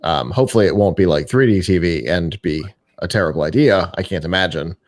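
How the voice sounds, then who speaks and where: A man's voice: low voice, animated, fairly quick. A man co-hosting a casual tech podcast, explaining products in a wry, joking way. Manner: wry, explanatory, chuckles at his own jokes. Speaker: podcast co-host.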